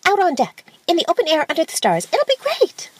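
A man voicing a bright, eager young female ship engineer in a high falsetto. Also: huge pitch swings, brisk, no room sound, full character voice. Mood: cheerful. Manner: chirpy, upbeat, very high falsetto.

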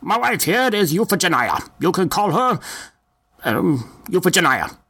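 A man's voice: high-pitched, big pitch swings, bright, forceful tone, slightly rough, pitched above the performer's own voice, full character voice. A man putting on a drawling folksy old man. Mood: jovial. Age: older. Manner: slow, drawling, folksy old-timer speech. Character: chatty old man passenger, folksy and nosy.

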